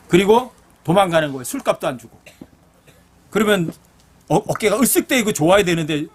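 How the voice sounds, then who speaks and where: A middle-aged man, a pastor, preaching a blunt, earnest sermon full of personal stories. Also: high voice.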